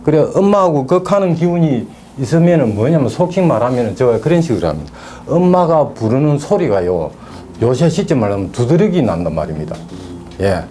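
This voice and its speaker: A man's voice: mid-range voice, big pitch swings, brisk, dark tone, slight background noise. Storytelling middle-aged Gyeongsang man. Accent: Gyeongsang Korean. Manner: storytelling with rambling asides. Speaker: naming consultant. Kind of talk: casual talk.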